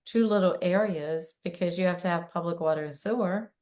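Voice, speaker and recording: A woman from Maryland hosts a relaxed podcast conversation. Her voice sits a little low and she talks in a chatty, animated way. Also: a little fast. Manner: chatty, animated storyteller who breaks into laughter. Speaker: podcast host, realtor. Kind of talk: casual conversational interview.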